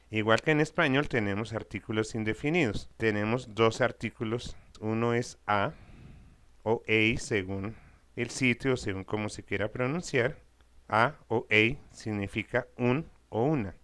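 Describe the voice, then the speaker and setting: Male teacher, low and unhurried, clear smooth voice, dry close recording. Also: a bit bright, no echo. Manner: slow, careful explanation with repeated example phrases. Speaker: English teacher. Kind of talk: recorded English lesson for Spanish speakers.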